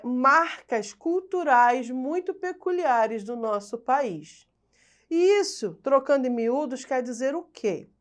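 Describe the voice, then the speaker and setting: Slow-speaking, high-voiced woman teacher. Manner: explanatory, asks rhetorical questions and answers them, frequent "tá?" check-ins; restarts and corrects herself over hard words. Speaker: Portuguese language teacher. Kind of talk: recorded online class lecture.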